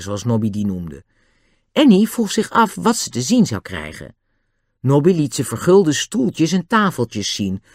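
A narrator reading a children's audiobook in an expressive storytelling manner. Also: mid-range voice, dry recording, studio quality.

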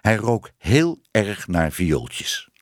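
Male audiobook narrator for children's fiction, animated delivery, dry booth sound. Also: fairly low pitch, extremely slow, no room sound. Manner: expressive, varied reading. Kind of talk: scripted narration of a children's book.

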